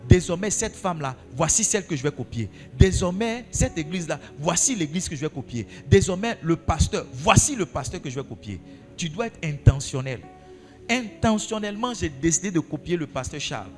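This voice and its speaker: Lively-voiced preaching pastor. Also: male voice, on the high side, normal speed, in a large hall, faint music behind. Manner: preaching with rhetorical questions to the congregation; repeats key phrases for emphasis. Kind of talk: sermon.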